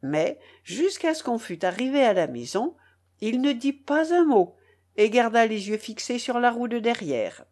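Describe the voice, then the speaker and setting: A woman audiobook reader narrates a classic novel in a steady literary style, unhurried yet expressive and dramatic. Her pitch swings widely, rising and falling with the story.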